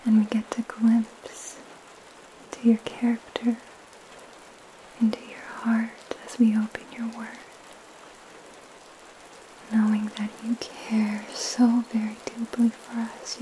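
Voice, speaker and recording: A young woman giving a soothing, soft, breathy ASMR whisper, gentle and calming, with pauses between phrases. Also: a little high, a little hiss or hum, poor audio. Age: young adult. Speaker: ASMR host reading scripture and praying. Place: small indoor room at home. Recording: steady rain sound behind the voice. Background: rain.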